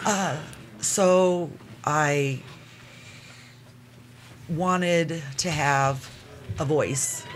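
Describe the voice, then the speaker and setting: A man speaking as a guest, telling personal stories in an earnest, halting, conversational way. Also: fairly high pitch. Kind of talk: personal storytelling in casual talk. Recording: faint background noise.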